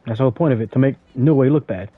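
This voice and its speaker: A man's voice: mid-range voice, very fast, no room sound. Man rambling over gameplay, tinny dry sound. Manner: rambling, many fillers and stammered restarts. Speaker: gaming streamer. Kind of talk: casual gameplay commentary. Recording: dry tinny phone-like audio.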